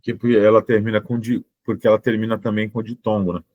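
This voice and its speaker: A man's voice: fairly low pitch, level tone, quick pace, dry recording, lo-fi sound. A man, a student in a lesson, briefly reasoning aloud and asking for confirmation. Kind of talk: lesson dialogue.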